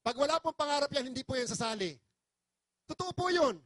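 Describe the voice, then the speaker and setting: A man's voice: very high voice, expressive, a little fast, fairly bright tone, dry recording. A man from the Philippines giving an impassioned, pleading testimonial to an audience as a business presenter, very polite and emotional.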